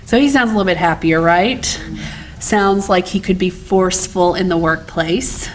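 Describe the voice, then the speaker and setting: A woman's voice: fairly low pitch, normal speed, a little hiss or hum, rough recording. A woman lecturer talking through cases and asking her audience questions. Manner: chatty, asks the audience questions. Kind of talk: recorded lecture.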